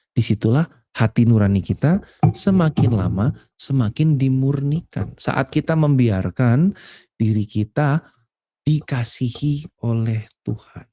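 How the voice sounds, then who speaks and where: A man's voice: mid-range voice, dark tone. A young man from Indonesia giving a chatty, conversational sermon to a youth community, mixing in slang and English words. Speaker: preacher. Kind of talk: casual sermon.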